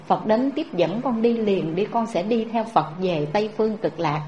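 A woman telling a sermon story voices an old village woman with a Southern Vietnamese accent, begging and wailing. The voice sits a little high. The recording is dull and echoey, with faint noise behind. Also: slow pace, darkish tone. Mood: murmured prayer. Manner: pleading, wailing. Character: frightened old village woman praying to Buddha.

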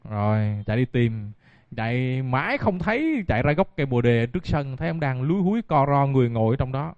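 A man's voice: medium pitch, big pitch swings, fairly quick, clear, resonant tone, dry recording. A man, a Buddhist monk giving a dharma talk and telling stories directly to his listeners. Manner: storytelling, addresses audience directly. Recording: dull dry lo-fi recording.

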